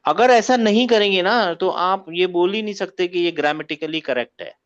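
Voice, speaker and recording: A man's voice: high voice, normal speed. Man teaching class over a muffled call. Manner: keeps asking students for confirmation. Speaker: Arabic teacher. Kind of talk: online grammar class. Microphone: video call.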